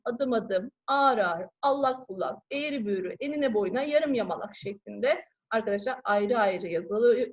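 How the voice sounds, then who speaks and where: A woman teacher giving a grammar lesson to schoolchildren, explaining patiently, asking questions and answering them herself, and calling out to her pupils again and again. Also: on the high side. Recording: dull lo-fi recording.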